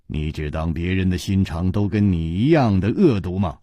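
A man's voice: sits low, lively intonation, moderate pace, mellow, no room sound, lo-fi sound, voice pushed down. A man putting on a cold sneering schemer.

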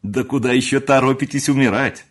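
A man's voice: medium pitch, fairly even intonation, brisk, slightly rough, voice pushed up, close to an everyday voice. A man voicing a jovial older family friend who teases the household and is fond of food and drink. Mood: teasing. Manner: hearty, teasing.

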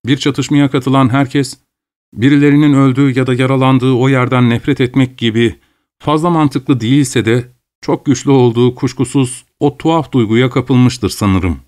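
Man narrating a war story gravely. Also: mid-range voice, steady tone, normal speed, darkish tone. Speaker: audiobook narrator. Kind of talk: scripted literary narration.

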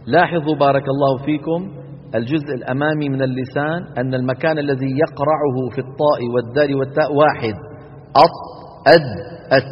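A medium-pitched man leads a Quran recitation class focused on articulation, sounding out letters for students to echo back. The audio carries a little hiss or hum and sounds dull, with a long reverb like a hall.

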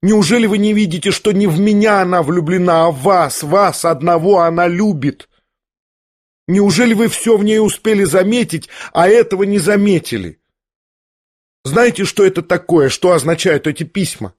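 A man's voice: sits high, moderate pace, voice pushed up. A man reading an audiobook, voicing a proud, jealous young noblewoman who fires off agitated, reproachful questions. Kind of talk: audiobook character voice.

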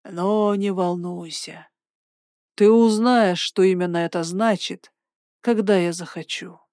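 A woman voicing a cold, hissing, unseen male creature who mocks the heroine in a slow drawl. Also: lowish voice, steady tone, darkish tone, dry recording, clean studio sound. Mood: mocking menace.

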